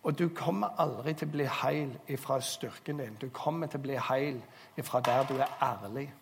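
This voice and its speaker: A man's voice: mid-range voice, gravelly. A man preaching a sermon, telling stories and urging listeners earnestly, recorded in a church hall. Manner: storytelling, earnest exhortation. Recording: long hall reverb.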